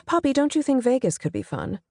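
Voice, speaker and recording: A woman voicing a poised, exacting female editor-in-chief in an audiobook, brisk and pointed. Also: fairly low pitch, lively intonation, gravelly, warm tone, breathy edge, no echo, studio quality, heavily acted. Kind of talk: audiobook character voice.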